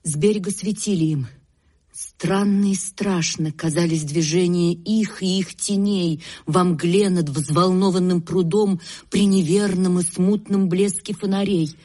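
A woman narrating a classic story in a steady, measured reading. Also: fairly low pitch. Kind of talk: literary audiobook narration.

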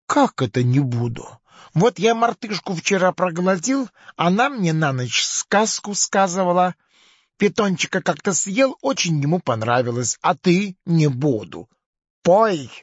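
A man's voice: high voice, sing-song, measured pace, husky, no echo, exaggerated voice. An actor playing a smug, greedy male crocodile in a children's audio play, sly and chuckling. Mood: smug teasing. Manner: sly, chuckling, lazy drawl. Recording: slightly dull recording.

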